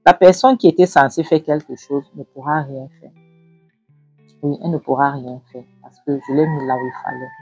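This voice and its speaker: A woman doing a scheming mother who talks down to her daughter in a low, husky voice, insistent and unbending. The sound is dry and close, with faint music underneath. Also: steady tone, moderate pace, dark tone, dry recording, heavily acted. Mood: smug. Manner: scolding, insistent. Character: scolding middle-aged mother, stubborn and scheming.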